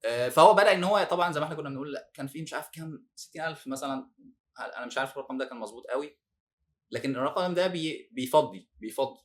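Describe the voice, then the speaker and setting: A man with an Egyptian accent, a former detainee telling his story as a podcast guest, animated and laughing now and then. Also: fairly high pitch, rapid-fire. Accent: Egyptian Arabic. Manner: animated, laughs while recounting hardship.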